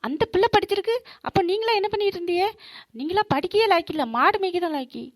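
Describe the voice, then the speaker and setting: Woman voicing a strict cartoon teacher, stern, very high, dry sound. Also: lively intonation, fast talker, no echo. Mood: scolding. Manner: stern, scolding. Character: strict scolding schoolteacher, woman.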